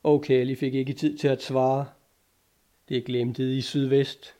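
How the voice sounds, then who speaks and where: A man narrating an adventure audiobook in a measured, dramatic reading. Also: medium pitch, flat delivery, dark tone.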